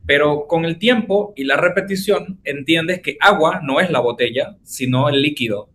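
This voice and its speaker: Hosting a relaxed podcast conversation, this Venezuelan-accented man lays out his ideas with lengthy examples from daily life. He talks at normal speed in a somewhat high, slightly bright voice. A little hiss or hum is audible.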